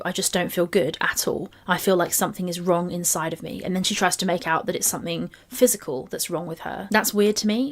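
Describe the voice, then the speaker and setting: A woman commenting on a couple's text messages, reading quotes aloud and analysing them in a measured, analytical way. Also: on the low side. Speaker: commentary channel co-host.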